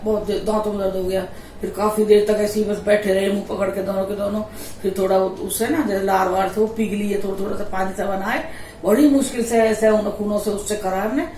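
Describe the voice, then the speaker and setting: Vlogger mom, middle-aged woman, lively laughing storyteller; a bit off-mic in an echoey room with faint background hum. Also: medium pitch. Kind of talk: casual storytelling chat. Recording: echoey room, voice a little distant.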